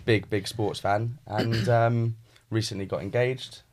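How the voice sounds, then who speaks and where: A British man chats casually as a podcast co-host. His voice is on the low side. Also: steady tone, a little slow, a little mellow. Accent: British English.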